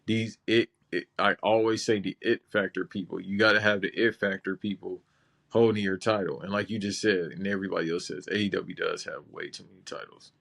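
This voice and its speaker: A man's voice: low-pitched, steady tone, brisk, creaky, a bit bright. A man from Los Angeles co-hosting a casual chat show, talking loose and slangy with lots of restarts. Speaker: podcast co-host.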